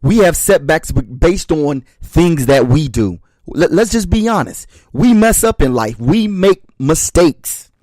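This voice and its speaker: Male motivational speaker, slightly high voice, slow and deliberate delivery, emphatic refrains, dry close sound. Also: lively intonation, darkish tone, no echo. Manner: emphatic, repeats short refrains; addresses listeners as brothers and sisters. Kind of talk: motivational speech.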